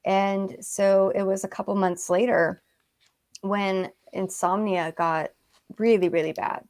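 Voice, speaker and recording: A woman's voice: mid-range voice, level tone, takes it slowly, darkish tone. Woman guest author, conversational storyteller, filler-heavy, acts out what others said. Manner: chatty, many fillers, acts out quoted remarks. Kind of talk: casual interview storytelling.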